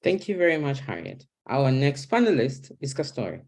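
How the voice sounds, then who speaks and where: A young man from Zambia moderating an online panel over a video call from a small kitchen, speaking in a measured, formal way. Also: mid-range voice, sing-song, gravelly, a little mellow. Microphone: laptop webcam video call.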